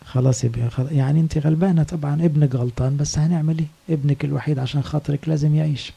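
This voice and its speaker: A kind old king with an Egyptian accent, soft and reassuring, as a priest voices him. The tone is dark and a little husky, and the words come quickly. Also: on the high side, steady tone. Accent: Egyptian Arabic.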